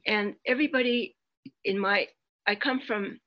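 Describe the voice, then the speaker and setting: This older woman from the United States addresses a support meeting by video call, the audio muffled and lo-fi. She tells her own story openly and pokes fun at herself, her mid-range voice moving along unhurriedly.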